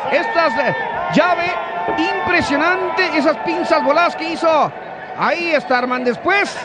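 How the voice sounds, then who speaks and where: A man with a Mexican accent giving excited, florid play-by-play as a wrestling commentator. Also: very high voice, measured pace. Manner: florid, dramatic phrasing. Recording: noisy arena with loud crowd.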